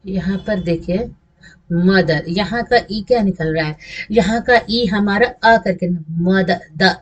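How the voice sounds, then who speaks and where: A woman's voice: mid-range voice, measured pace, lo-fi sound. A woman English teacher giving a slide lesson, patiently repeating and stretching example words. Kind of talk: classroom lesson over slides.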